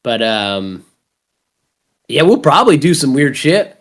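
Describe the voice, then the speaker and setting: A man in his thirties hosts a podcast, his Canadian accent carrying rambling, profane, lively stories through casual chat. He talks a little slowly in a mid-range voice.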